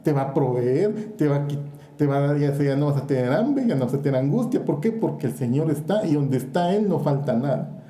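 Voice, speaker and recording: A man's voice: a little high, lively intonation, brisk, warm tone, reverberant. A man with a Guatemalan Spanish accent preaching a fervent sermon in church, directly questioning his congregation.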